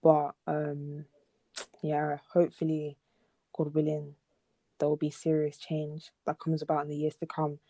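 A woman's voice: low voice, completely flat delivery, a little slow, dark tone, no echo. A young woman co-hosting a podcast, chatting casually and rambling with lots of fillers. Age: young adult. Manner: rambling, laid-back, with many fillers. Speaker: podcast co-host.

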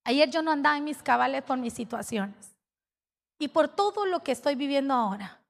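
A woman pastor, preaching a sermon and telling a story with animated, acted-out dialogue. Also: high-pitched, normal speed, gravelly, in a large hall.

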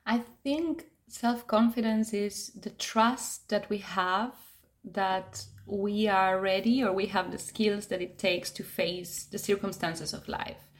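A woman from Argentina, a yoga teacher, talking in a gentle, reflective way with soft fillers as a podcast guest. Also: medium pitch, fairly even intonation, takes it slowly. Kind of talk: casual conversational interview.

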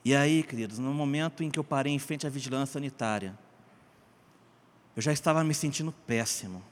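Um homem brasileiro contando um testemunho em tom de pregação, animado, alternando gritos e murmúrios e chamando os ouvintes de gente e queridos. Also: male voice, medium pitch, in a large hall. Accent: Brazilian Portuguese. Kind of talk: sermon-style personal testimony.

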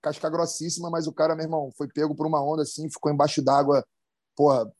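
Slangy, excited male surfer storyteller. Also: a little high, quick pace, dry recording, clean studio sound. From Brazil. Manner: slangy, excited, many restarts and sound effects. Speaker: professional big-wave surfer, guest. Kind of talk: casual storytelling in a podcast chat.

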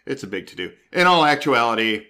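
A man's voice: mid-range voice, very animated, fast talker, sharp tone. A middle-aged man co-hosting a home podcast with his son, chatting casually and joking self-deprecatingly from the dining room table. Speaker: podcast co-host, the dad. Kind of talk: casual chat.

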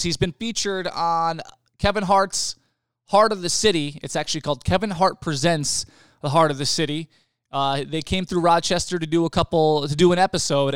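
A young man hosting a casual podcast from his home studio, chatty and quick to laugh, with loose restarts. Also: a little high, clean tone, dry recording. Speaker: podcast host.

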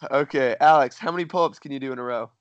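A young man co-hosts a podcast in an easygoing way, asking questions and quipping. His voice is mid-pitched. The recording is dry and close. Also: fast talker, no room sound, lo-fi sound. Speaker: podcast co-host. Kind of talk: casual chat.

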